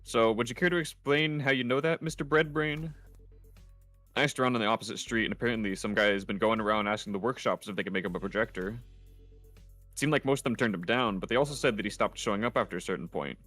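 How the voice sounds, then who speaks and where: A man's voice: fairly low pitch, fast talker, a bit bright, soft background music. A man reading game dialogue dryly while playing on a livestream with friends. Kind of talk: casual livestream play with friends.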